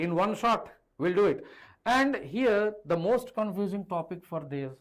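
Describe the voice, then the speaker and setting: A middle-aged male teacher with an Indian accent explains at the board in a live online lesson. His voice sits a little high for a man. He addresses students directly and slips between two languages as he explains. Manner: code-switches between English and Hindi, addressing students directly. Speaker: chemistry teacher. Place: indoor teaching studio with a digital board. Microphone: clip-on lapel mic.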